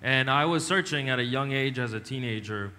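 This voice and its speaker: A man from Trinidad, giving his testimony as a missionary preacher in short phrases, pausing for an interpreter. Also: mid-range voice, pushed and bright. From Trinidad and Tobago. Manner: speaks in short phrases with pauses for translation, many fillers. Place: church hall. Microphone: handheld microphone. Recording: echoey church hall, faint noise.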